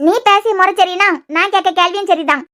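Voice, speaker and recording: A woman's voice: very high-pitched, fairly quick, sharp tone. A woman voicing quarrelsome young women in a family feud for a cartoon serial, with a Kanyakumari Tamil accent and a heated, reproachful way of arguing. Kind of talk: cartoon dialogue acting.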